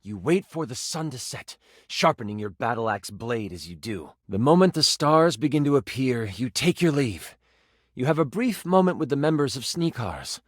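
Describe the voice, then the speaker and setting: Voicing a personified D20, an eager, theatrical male game master, a man narrates a fantasy tabletop adventure in a video game. He speaks at normal speed in a medium pitch, dramatic and expressive, with aside remarks. The studio sound is clean, with no echo.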